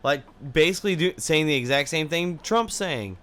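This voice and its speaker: A man's voice: on the high side, lively intonation, moderate pace, a bit bright. A man chatting casually as a co-host, dropping laid-back, joking remarks. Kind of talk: casual chat.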